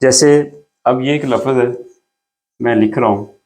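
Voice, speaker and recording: A man teaching a beginner language lesson, explaining patiently step by step and repeating each sound slowly while he writes. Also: mid-range voice, fairly even intonation, a little mellow.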